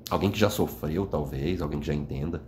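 Here a vlogger with a bass, darkish voice speaks briskly to the camera, indoors at night, with slight background noise. Sounding drained after crying, he delivers an earnest, rambling and reflective monologue, peppering it with frequent "né?" tags.

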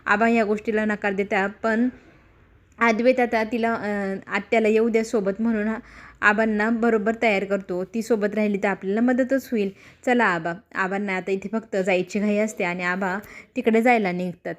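A woman's voice: medium pitch, steady tone, moderate pace. A woman retelling a TV serial episode in a plain storytelling manner, quoting the characters' lines as she goes. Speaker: serial episode recap narrator.

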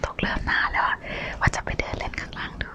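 Woman, breathy whisper throughout, casual ASMR chat, polite phrasing. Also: fast talker. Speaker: ASMR host. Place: outdoors on a balcony in falling snow.

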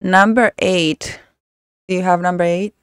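A woman with a smooth, resonant, lowish voice speaks earnestly and encouragingly in a casual book club chat. She often checks in with her co-host as she goes. The recording is close and dry. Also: steady tone, measured pace, no room sound. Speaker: podcast co-host.

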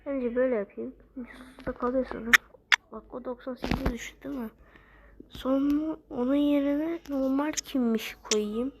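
A high-pitched woman talks through a game in loose, slangy chatter that keeps bursting into excited shouts. Loud noise hisses under her voice, with clicks in the background. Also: normal speed. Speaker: gaming channel host. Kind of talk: casual gameplay commentary.

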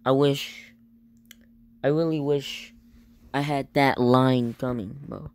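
This young man, lying on his bed, reacts to a video in a casual, slangy way, exclaiming and laughing often. His voice is medium-pitched and clean, with fairly even intonation and a slow pace. The recording has loud background noise.

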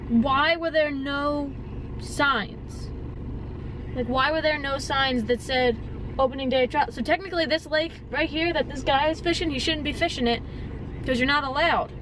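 A woman's voice: sits high, moderate pace. A young woman vlogging from inside her car, chatty and exasperated as she rants. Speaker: fishing vlogger. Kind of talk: casual vlog rant. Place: inside a parked or driving car. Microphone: camera mounted or handheld in car. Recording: noisy car and street ambience.

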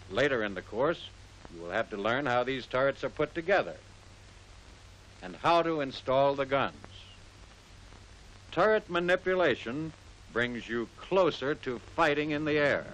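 A middle-aged American man giving formal, instructive mid-century newsreel-style narration for a military training film, in measured phrases. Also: mid-range voice, fairly bright tone. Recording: hissy, noisy vintage film soundtrack.

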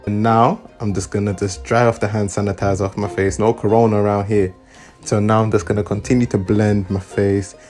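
A man with a slightly low voice voices a mock tutorial. His delivery is casual, playful and repetitive, with music underneath. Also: darkish tone. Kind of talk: mock makeup tutorial voice-over. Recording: background music.

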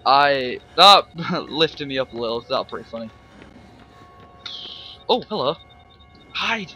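A man's voice: medium pitch, expressive, unhurried, lo-fi sound, soft background music. Jumpy young man playing a horror game. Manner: jumpy, swearing, laughing, yelling when startled. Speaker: gameplay commentator. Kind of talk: let's play commentary.

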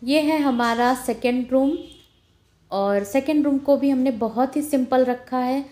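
A chatty young home vlogger with a slightly high, dark-toned voice narrates a casual tour of her small rented flat. She walks through the rooms and onto the balcony in a homely manner, filming on a phone camera held in her hand.

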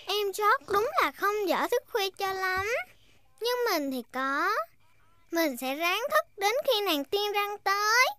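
A woman's voice: extremely high pitch, expressive, slow pace, pushed and bright, exaggerated voice. A woman voicing an eager, giggly little girl piglet in a dubbed preschool cartoon. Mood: eager, cheerful. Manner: childlike, enthusiastic, giggly.

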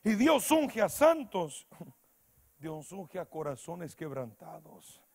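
A man preaching a sermon as pastor, telling a story and building to loud shouted climaxes. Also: sits high, big pitch swings, slow. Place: church.

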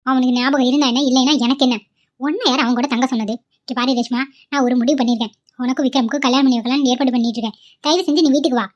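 A woman's voice: high voice, steady tone, rapid-fire, natural voice. Woman doing a scolding pushy mother. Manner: harsh, scolding. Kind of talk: cartoon voice acting.

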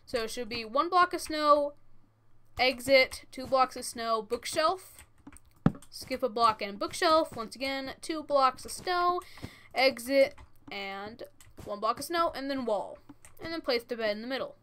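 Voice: sits high, lively intonation, a little slow, pushed and bright, smooth. A thirteen-year-old who says w for r, giving casual, informal step-by-step commentary as host of a gaming tutorial. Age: 13 years old. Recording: noisy, with keyboard and mouse clicks.

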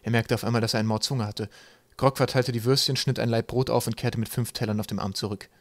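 A man reading an audiobook aloud in steady, even storytelling narration. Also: medium pitch, quick pace, no echo.

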